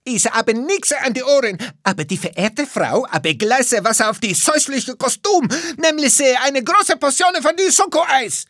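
A man voicing a furious Italian ice-cream seller who shouts in broken German with a put-on Italian accent. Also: extremely high pitch, animated, moderate pace, few pauses, dry recording, studio quality, voice pushed up, exaggerated voice. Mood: furious shouting. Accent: put-on Italian-flavored broken German.

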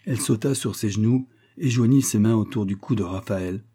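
A male narrator reads a classic novel aloud in a measured, storytelling manner. His voice is low and mellow. A husky grain runs through it. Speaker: audiobook narrator. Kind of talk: literary audiobook narration.

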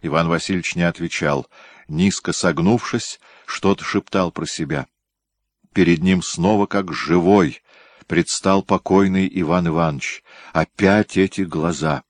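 A man with a very low, deep voice reads a novel aloud. His narration is even and measured. The sound is dry and close, with no room echo. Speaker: audiobook narrator. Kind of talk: scripted narration.

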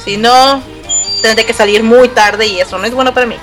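A woman joining a podcast as a guest, playful and affectionate as she jokes with the hosts. Her voice sits fairly high, with faint music in the background. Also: steady tone, fairly quick. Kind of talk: casual chat.

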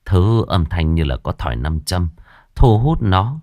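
A man narrating a village ghost story in a dramatic, expressive way. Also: deep voice, unhurried, no echo, highs cut off. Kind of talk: scripted horror story narration.

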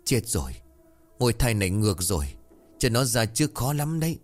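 A man putting on a gruff old midwife woman. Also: big pitch swings, fairly quick, darkish tone, soft background music. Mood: grave. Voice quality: shrill, scolding. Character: stern old female village midwife, gruff.

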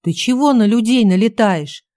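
Женщина изображает скулящего мужчину-фотографа. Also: female voice, on the high side, moderate pace, dark tone, no echo, clean studio sound, pitched above the performer's own voice, natural voice. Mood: whining. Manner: whining, sputtering complaints. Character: scared indignant male photographer, whiny and cornered.

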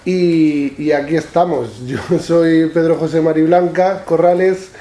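An author from La Mancha in Spain gives a public talk about his books to an audience in an event room with echo. His delivery is halting, full of repeated words and frequent "¿no?", while his slightly high voice stays steady and dark in tone.

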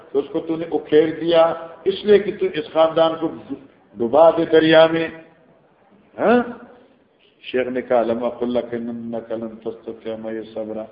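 Pakistani male teacher, fairly high voice, explains line by line with anecdotes, dull recording. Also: reverberant. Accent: Pakistani Urdu. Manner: explains Arabic text line by line in Urdu, with storytelling asides. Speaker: hadith teacher. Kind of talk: classroom lecture on scripture.

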